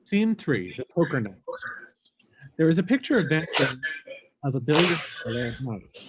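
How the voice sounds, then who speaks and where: A man's voice: a little high, sing-song, moderate pace. A man reading stage directions as scripted narration for a play. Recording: noisy home recording.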